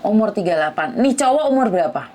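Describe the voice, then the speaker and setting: A woman's voice: mid-range voice, animated, racing, a little mellow. Probing woman host. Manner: probing, asks for confirmation often. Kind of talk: live-stream interview.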